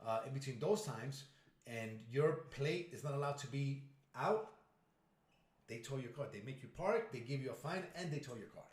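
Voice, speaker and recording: Animated man in a roomy echo. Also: medium pitch, moderate pace. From United States. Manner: animated storyteller, acts out quotes. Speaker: podcast co-host. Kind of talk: casual chat.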